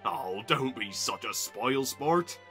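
A man's voice: mid-range voice, animated, fairly bright tone, faint music behind. A man voicing a cheerful, curious little male steam engine who talks in a chirpy, wondering way. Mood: delighted. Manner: wondering, chirpy, drawn-out lines.

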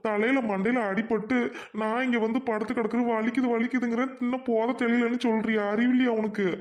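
A woman's voice: fairly high pitch, level tone, fairly quick, a little mellow, lightly acted. A woman with a Trichy Tamil accent acting an injured young husband, weary and pleading with his bickering family. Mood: exasperated. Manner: exasperated pleading.

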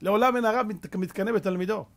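With a high-pitched voice, this rabbi delivers an impassioned Torah sermon packed with rhetorical questions, where street slang mixes freely with scriptural language.

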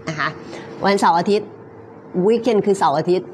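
A woman teaching English pronunciation, repeating phrases word by word and then explaining them quickly, with frequent polite particles. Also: medium pitch, a little hiss or hum. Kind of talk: live-streamed pronunciation lesson.

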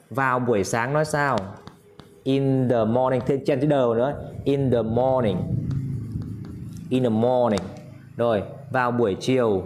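A man teaching an English lesson in Vietnamese, drilling English phrases slowly and often checking that his students follow. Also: mid-range voice. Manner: drills English words slowly, repeats himself, coaxing checks. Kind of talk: classroom-style video lesson.

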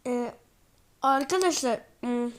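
Speaking slowly in a high, smooth voice, a drowsy gaming channel host talks her way through a football video game. Her chatter wanders, with "neyse" coming up again and again.

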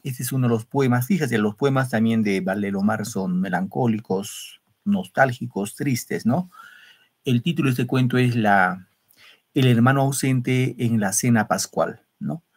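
Unhurried and slightly dark in tone, a man's mid-range voice leads an online literature lesson for secondary school over a video call. He explains one step at a time, often checking with the class through the tag "¿no?".

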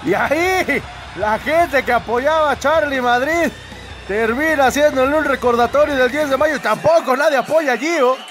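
A man with a Mexican accent giving excitable, exclamatory live play-by-play commentary on wrestling. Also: very high-pitched, moderate pace, faint music behind.

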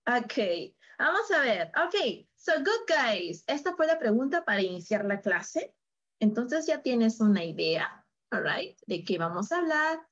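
A woman teaching an English class over a video call, switching between Spanish and English and repeating words slowly for her student. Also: a little high, very animated, fairly bright tone, lo-fi sound. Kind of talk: online English lesson.

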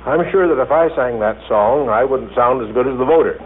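A man interviews formally in a fast, slightly rough voice of medium pitch. It is a tinny 1930s radio recording.

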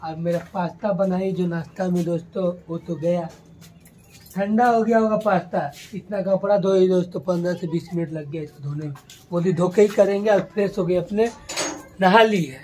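A man chats casually to his viewers in a home vlog, recorded on a phone, switching to a coaxing tone for a pet. His voice is mellow and dark. A faint hiss sits under the recording. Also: high voice, moderate pace. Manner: chatty, addresses viewers as friends, coos at a pet. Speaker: vlogger.

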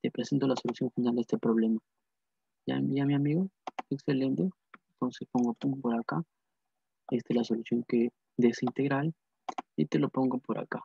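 A man's voice: medium pitch, steady tone, moderate pace, creaky, long pauses, dark tone, breathy edge, no room sound. A man teaching a math lesson, repeating phrases and asking and answering his own questions. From Peru. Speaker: math tutor. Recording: dull lo-fi dry sound.

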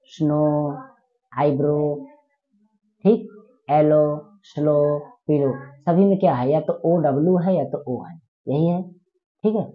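Male teacher on a tinny line. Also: fairly high pitch. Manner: repetitive, quizzing listeners with questions. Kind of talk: spoken grammar lesson. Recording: tinny phone-like sound.

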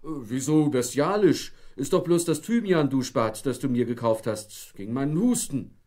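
A man voicing a calm, matter-of-fact husband who cracks dry jokes, in a storybook reading. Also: medium pitch, normal speed, close to an everyday voice. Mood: easygoing. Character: calm, joking husband, dog's master.

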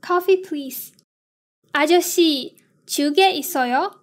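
This is a very slow, evenly paced lesson read by a woman whose voice sits high. She works through phrases and their translations one at a time.

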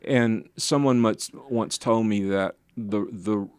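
Older guy, deep-ish voice, pastor reminiscing, dry close mic. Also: slow, darkish tone, smooth, no room sound. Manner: rambling, self-deprecating, chuckling asides. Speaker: pastor and author, guest. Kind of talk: conversational interview storytelling.

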